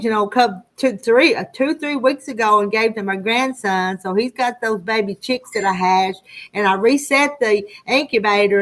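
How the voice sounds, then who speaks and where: Hosting a livestream, a sixty-something American woman from the Arkansas Ozarks foothills rambles folksily and homespun with her live viewers, her rural Southern Ozark country accent clear. Her voice has medium pitch and a fairly bright tone.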